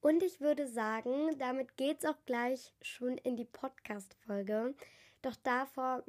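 This teen girl's voice is high-pitched and darkish, and she talks slowly. Stuffed up with a cold, she hosts her casual solo podcast and addresses her listeners earnestly.

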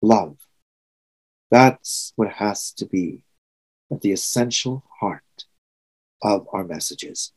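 A man's voice: lowish voice, lively intonation, takes it slowly, pauses often, husky, poor audio. A sixty-year-old man from Trinidad and Tobago, preaching a sermon in an earnest, reflective way with emphatic swells. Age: 60s.

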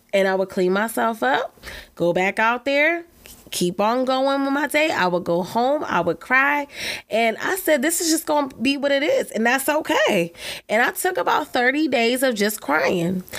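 A woman's voice: mid-range voice, a bit bright. A young adult woman hosting a podcast, talking earnestly and encouragingly about her faith and healing, often calling her listeners "y'all.". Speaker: podcast host. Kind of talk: faith-based personal talk.

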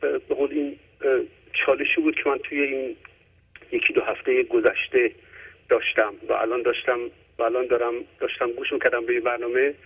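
A man calling in to a talk show, chatting casually and hesitantly, filling his pauses with lots of "uh"s. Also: mid-range voice, flat delivery, husky. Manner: hesitant, many filler sounds. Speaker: caller. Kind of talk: casual call-in chat. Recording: tinny phone line.

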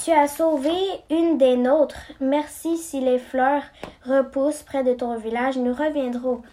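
A woman voicing a grateful queen bee in a storybook, read slowly and measuredly. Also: high-pitched, steady tone, warm tone. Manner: slow, measured reading.

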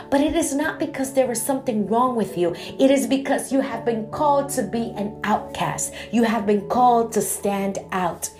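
A woman's voice: a little high, a little mellow. A young adult woman from Guatemala hosting her own evangelist podcast, telling her personal testimony in an earnest, preacherly way.

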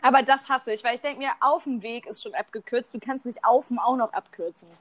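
Lively young woman, dry close sound. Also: a little high, brisk, no room sound. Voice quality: animated, laughs often, swears casually. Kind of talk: casual chat.

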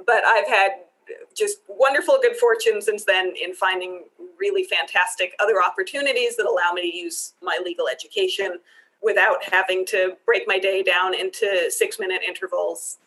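A woman's voice: mid-range voice, steady tone, moderate pace, a bit bright, rough recording. A middle-aged woman from Wyoming, a program supervisor, answering interview questions in an upbeat, chatty way and laughing easily. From United States (Wyoming).

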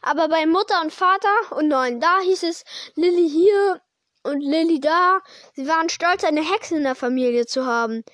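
A woman's voice: high voice, normal speed, fairly bright tone, no room sound, studio quality. Woman reading a bitter, scornful aunt. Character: shrill, bitter middle-aged aunt.

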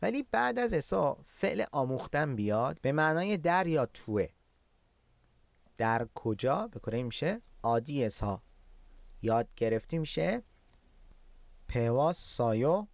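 A male language teacher with a lively, swinging voice that rises and falls a lot. He explains patiently, repeats each word for his learners, and stretches a word out slowly, syllable by syllable. The sound is dry and close, with no room echo. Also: a little high, vocal fry. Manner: slows right down to spell out words syllable by syllable. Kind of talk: online language lesson.

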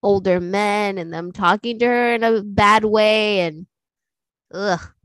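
A woman co-hosting a podcast, chatting casually about films and TV in a lively, animated way and laughing easily. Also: mid-range voice, slow, dry recording. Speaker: podcast co-host.

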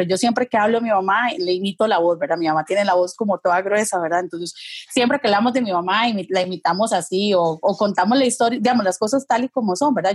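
A woman's voice: mid-range voice, darkish tone, husky, no echo. A woman with a Costa Rican accent, a guest chatting frankly and casually, often tagging her sentences with questions. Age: adult with a daughter. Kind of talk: casual conversation.

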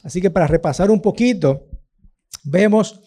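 A man's voice: high voice, moderate pace, warm tone. A man, preaching a sermon in an earnest, emphatic way and often checking in with his listeners. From Dominican Republic.

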